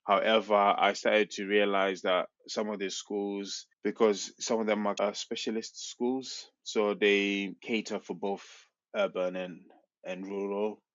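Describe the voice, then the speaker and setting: Deep, flat-voiced young man, hesitant. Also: measured pace, dry recording. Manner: hesitant, restarts often, explains step by step. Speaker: PhD researcher guest. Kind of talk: podcast interview. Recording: dull, dry sound.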